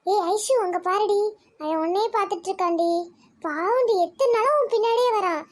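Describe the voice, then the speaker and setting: A woman's voice: very high-pitched, moderate pace. A woman voicing a bossy young female college friend in a Tamil cartoon, teasing and coaxing.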